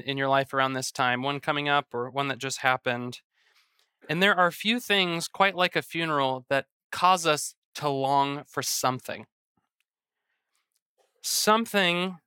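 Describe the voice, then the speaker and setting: A pastor preaching a sermon at a pulpit microphone in a church, reading scripture and praying in a measured, earnest way. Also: medium pitch, bright, forceful tone, clear, resonant tone, no echo, studio quality. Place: church sanctuary.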